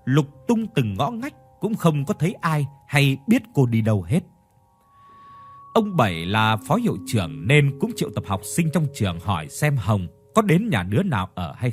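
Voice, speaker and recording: A man narrating a horror story in a dramatic, expressive way. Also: mid-range voice.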